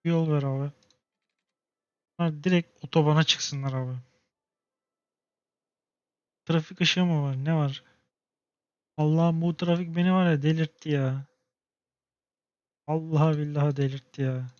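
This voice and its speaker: A young man with a slightly high voice mutters and rants through his gameplay and keeps getting exasperated at it. The sound is dry and close, with a dull, muffled top end. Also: steady tone, a little slow, long pauses, dry recording. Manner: exasperated, talks to himself and the game with slangy outbursts. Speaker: gaming channel host. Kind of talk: casual gameplay commentary.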